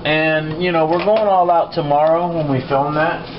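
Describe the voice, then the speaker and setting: A man's voice: fairly high pitch, fairly even intonation, normal speed. A man casually talking through a cooking vlog in his home kitchen, rambling and unsure, with many fillers. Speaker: cooking vlogger. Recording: echoey, dull, noisy home-camera audio.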